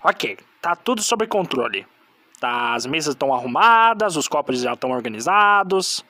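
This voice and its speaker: An exasperated, fussy party host, voiced by a man in a homemade cartoon. He scolds in a bright, animated voice recorded very dry and close. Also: on the high side, normal speed, dry recording, soft background music. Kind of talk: fan-made cartoon voice acting.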